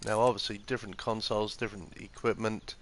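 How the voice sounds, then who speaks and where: A fast-talking man with a low voice and flat delivery is recorded with a little hiss or hum. He's live-streaming a game while congested with the flu, offering casual, hesitant commentary and explaining things as he goes. He speaks into a PS4 gaming headset from a room next to an office, with the windows open.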